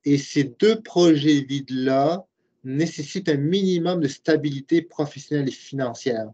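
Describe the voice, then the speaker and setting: He speaks at a normal speed in a slightly high, mellow voice with a touch of roughness and a Québécois French accent. A university program director and professor in his late forties, he earnestly explains his views and thinks aloud while taking webinar questions, heard through muffled, lo-fi web call audio.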